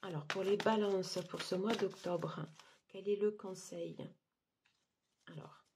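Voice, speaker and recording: A woman giving a monthly tarot card reading, talking haltingly with many fillers and restarts. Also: mid-range voice, fairly even intonation, background noise. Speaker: tarot reader.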